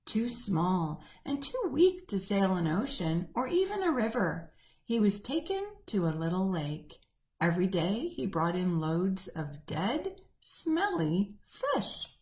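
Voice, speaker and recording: A woman reading a picture book aloud to children, gently and expressively. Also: mid-range voice, very animated, takes it slowly. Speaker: church children's storyteller.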